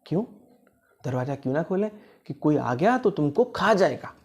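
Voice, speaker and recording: Animated man telling a children's story. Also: fairly high pitch, normal speed. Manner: animated, asks the listeners questions. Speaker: motivational speaker.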